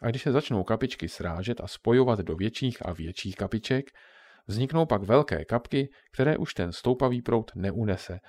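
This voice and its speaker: A man voicing a kindly old grandmother who patiently explains things to her grandchildren, in a low voice. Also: lively intonation, a little mellow, dry recording.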